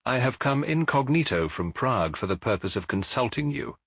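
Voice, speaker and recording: A grave, imperious king in disguise, acted by a male audiobook reader, speaks with formal pomp and deliberate weight. His pitch swings widely, the voice is husky, and the sound is close and dry. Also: very animated, a bit bright, no room sound, full character voice. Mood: grave, explaining. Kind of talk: audiobook character voice.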